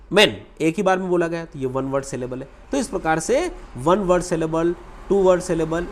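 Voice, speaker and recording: A man teaching English grammar in Hindi, mixing in English terms and repeating key words slowly. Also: a little high. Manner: lively teacherly delivery, asks and answers own questions.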